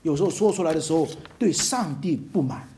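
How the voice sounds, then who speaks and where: A preacher giving a sermon to a congregation, emphatic and animated, acting out examples and repeating phrases for emphasis. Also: medium pitch, brisk. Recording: echoey room with faint hum.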